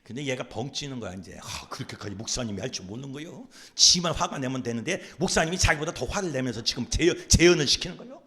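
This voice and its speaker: A man, a pastor, giving an animated lecture to a class. He speaks emphatically, repeats his key phrases, and acts out quotes in character. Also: medium pitch, fast talker, few pauses.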